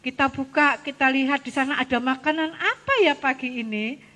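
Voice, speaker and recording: A woman gives an animated, coaxing children's sermon as a Sunday school teacher. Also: sits high, normal speed. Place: church hall. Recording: church hall reverb.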